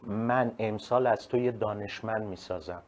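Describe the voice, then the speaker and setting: A male teacher giving a live online class, animated and emphatic, calling on students by name. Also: on the low side.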